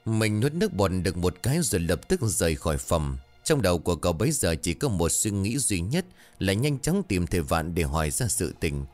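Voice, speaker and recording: A man narrating a ghost story in a steady storytelling manner. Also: low voice, a little fast. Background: faint music.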